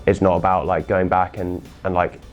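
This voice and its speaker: A young man of eighteen answers interview questions in a steady, measured way, leaning on "like" and "um". His voice sits very low and barely moves in pitch. Soft music plays behind him. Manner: steady, measured, filler-heavy. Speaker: junior rowing crew member.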